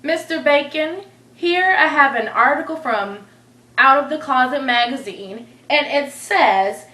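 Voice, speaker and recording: A woman playing a probing talk-show interviewer in an amateur skit, asking slow, insinuating questions. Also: high-pitched, pushed and bright, heavily acted. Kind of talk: amateur skit role-play. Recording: echoey room.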